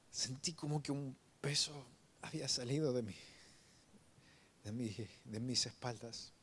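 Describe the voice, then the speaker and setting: A middle-aged man, preaching a heartfelt personal testimony in a halting, emotional way with frequent restarts. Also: mid-range voice, a little hiss or hum. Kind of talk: sermon testimony.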